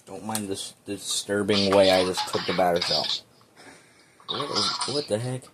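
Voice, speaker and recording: In a clearly noisy home recording full of clicks, a man offers informal, rambling unboxing commentary packed with slang. He's an amateur video reviewer with a voice on the low side, speaking at a moderate pace.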